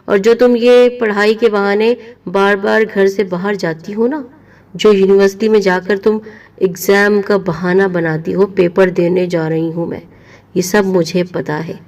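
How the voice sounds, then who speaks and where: A woman's voice: medium pitch, fairly even intonation, distant mic, natural voice. A woman doing a harsh scolding aunt. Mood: accusing. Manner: scornful, accusing, shouting.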